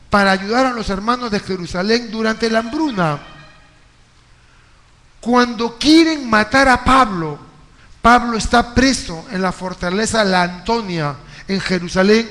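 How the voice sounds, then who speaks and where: Male pastor with a high voice, preaching in a lively storytelling way, recorded live in a hall with long reverb. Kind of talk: sermon. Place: church hall.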